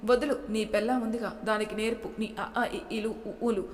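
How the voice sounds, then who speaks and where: A woman's voice: fairly high pitch, fairly even intonation, a little fast, natural voice. A woman voicing a fiery, hurt young wife who scolds and defies her husband in a storybook reading. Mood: angry. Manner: scolding, defiant. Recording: long hall reverb.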